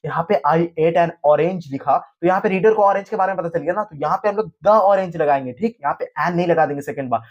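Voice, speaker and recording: A man teaching English grammar in a casual classroom style, asking and answering his own questions and reading example sentences slowly. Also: fairly high pitch, a little mellow, muffled recording.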